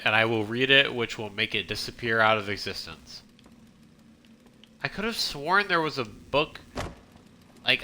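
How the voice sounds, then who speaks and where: A man's voice: mid-range voice, bright, forceful tone, slight background noise. A man streaming a game, chatting casually and rambling as he plays, often stopping and restarting his sentences. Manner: rambling, self-interrupting, chatty. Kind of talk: casual gameplay commentary.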